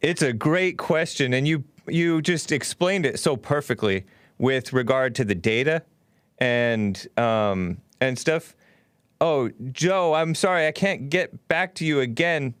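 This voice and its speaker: A man's voice: mid-range voice, measured pace, clear, resonant tone, no echo, studio quality. A man hosting a call-in show, talking casually with callers.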